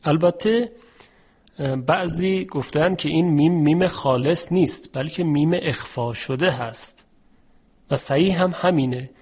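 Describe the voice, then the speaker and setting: A man teaching a Quran recitation lesson, explaining rules patiently and drawing out example words slowly. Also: on the high side, a little mellow, slightly rough. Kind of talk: tajweed lesson.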